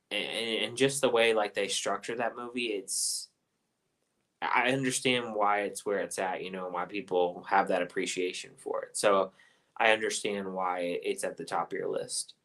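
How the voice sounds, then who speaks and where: A man with a fairly low voice and a bright, forceful tone hosts a casual film chat. He rambles loosely, circling back through his points with plenty of ums and uhs. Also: steady tone, measured pace, poor audio. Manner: loose, rambling delivery with many fillers. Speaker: host of a movie review chat.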